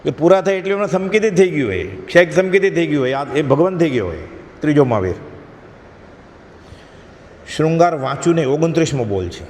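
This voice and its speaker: A man's voice: on the high side, animated, brisk, pauses often, a little mellow. A man giving an earnest devotional discourse, admonishing his listeners and acting out short quoted prayers. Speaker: spiritual lecturer. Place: satsang hall. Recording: long hall reverb, faint ambient noise.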